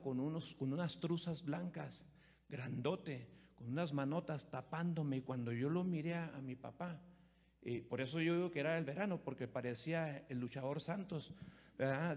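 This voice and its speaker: A middle-aged man, a pastor preaching a sermon that moves from storytelling to emphatic, repetitive exhortation. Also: fairly high pitch. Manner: storytelling, rising to emphatic preaching with repeated words. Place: church hall. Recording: long hall reverb.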